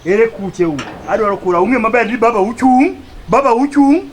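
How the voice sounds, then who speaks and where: A man's voice: extremely high pitch, expressive, fairly quick. A man with a Kenyan accent in a comedy sketch, demanding and insistent.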